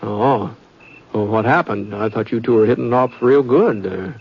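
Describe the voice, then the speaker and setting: As both narrator and lead, a man in a fairly low, nearly everyday voice portrays a folksy, shy, good-hearted frontier character recounting his story. He speaks hesitantly and slowly with an American Western twang, in classic homespun radio fashion and a tone of gentle concern. Slight noise and music sit in the dull, vintage-sounding recording.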